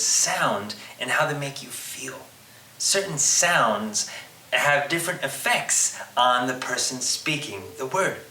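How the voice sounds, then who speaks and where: A man's voice: mid-range voice, sharp tone, far from the mic. A man giving a recorded literature lesson, explaining poetry terms and prompting students to try the words aloud. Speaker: literature teacher. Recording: roomy, off-mic, faint hiss.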